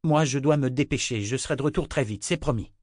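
A man voicing a hurried, resolute young male hero in a dry audiobook reading. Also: mid-range voice, darkish tone, no echo, pitched above the performer's own voice, lightly acted.

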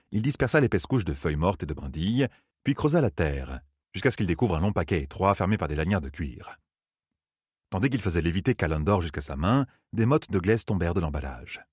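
A man narrating a fantasy audiobook in an expressive storytelling manner. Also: deep voice, a little fast, breathy edge, dry recording, studio quality.

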